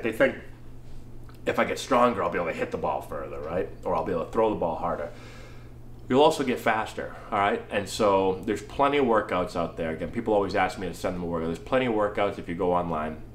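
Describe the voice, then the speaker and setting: Animated and fast-talking, this man in his thirties has a low-sitting voice and a stuffy cold. As a baseball coach, he fields viewer questions casually, tagging his points with "right?", in a head-and-shoulders shot from a front camera. The small room with a plain wall is echoey, with slight background noise.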